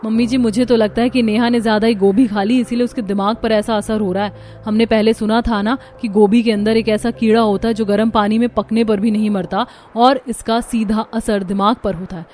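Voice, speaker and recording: A woman's voice: on the high side, fairly even intonation, fairly quick, a little mellow, slight background noise, lightly acted. A woman voicing a chatty daughter-in-law who explains her worries in a cartoon story. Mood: worried.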